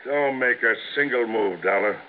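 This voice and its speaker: A man's voice: medium pitch, moderate pace, phone-quality sound, close to an everyday voice. Man playing a smug, menacing radio villain. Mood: smug menace. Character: smug, cold, menacing male gunman villain. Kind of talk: 1950s radio crime drama acting. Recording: thin vintage radio with faint noise.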